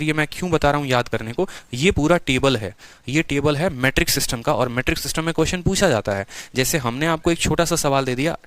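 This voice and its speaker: A man's voice: on the high side, clear, resonant tone, no room sound. A man teaching an exam-prep maths lecture at a board. He repeats each step and keeps quizzing his students.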